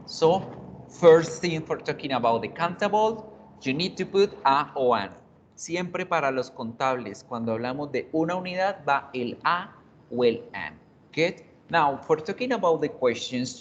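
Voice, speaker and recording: Patient teacher, slow, dull lo-fi call audio. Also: female voice, sits low, expressive, slight background noise. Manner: explains patiently, mixing Spanish and English, checks in with "right?" and "¿sí?". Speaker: English teacher. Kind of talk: online class lecture. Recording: dull lo-fi online class audio.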